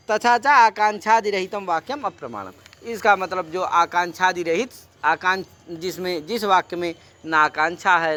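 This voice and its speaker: A man's voice: sits high, bright, forceful tone. A man teaching a classroom lecture, mixing recited texts with explanation and constantly quizzing his students. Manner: quizzing students with repeated questions; mixes Sanskrit recitation with Hindi explanation. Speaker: Sanskrit teacher.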